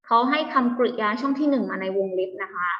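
A Thai woman teaching an online English lesson to young pupils, patiently asking check questions and slowly repeating English words with a Thai accent. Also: on the high side, highs cut off. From Thailand. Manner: patient, asks students frequent check questions. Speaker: primary school English teacher.

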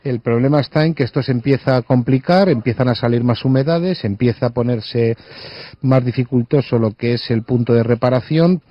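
A man's voice: medium pitch, a little fast, dry recording, highs cut off, voice pushed down, natural voice. A man with an accent from Spain playing a rude, condescending insurance adjuster in a prank call over a landline phone, interrupting and accusing. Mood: officious. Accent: Spanish (Spain). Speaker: radio prankster.

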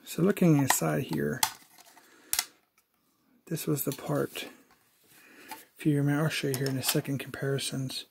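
A man's voice: a little high, level tone, moderate pace, vocal fry, long pauses, background noise. A man casually narrating an unboxing of a collectible figure, explaining each step with fillers as he goes. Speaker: toy collector reviewer.

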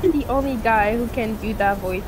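A woman's voice: on the high side, normal speed. A woman playing a shooter game with her boyfriend, chatting casually in a teasing, sing-song way. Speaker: streamer's girlfriend, teammate. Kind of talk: casual gameplay chat. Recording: noticeable background noise.

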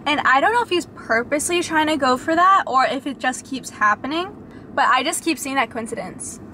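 A young woman talks casually from inside a parked car, her voice high and bright. She is bubbly and excitable, breaking into squeals now and then. Faint background noise sits under her. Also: a little fast. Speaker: vlogger reacting to a show. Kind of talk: casual reaction chat. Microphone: camera mounted facing her.

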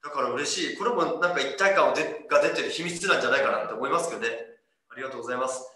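A man's voice: mid-range voice, racing, bright, forceful tone. A man in his thirties hosting a casual livestream, reading viewer comments aloud, laughing often and joking about himself. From Kagoshima, Japan. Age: 30s. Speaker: club ambassador host. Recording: echoey room.

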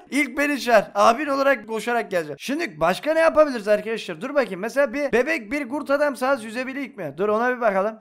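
A man's voice: very high voice, a bit bright. A man giving playful, joking Let's Play commentary while he plays, talking to his viewers as friends. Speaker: gaming YouTuber.

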